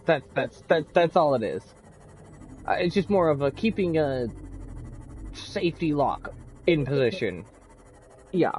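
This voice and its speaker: Chatting casually with party friends during a game live stream, a man keeps stumbling, stammering and repeating words, leaning on many fillers and leaving long pauses. His voice is a little high, a little mellow, animated and somewhat slow, with a touch of hiss or hum.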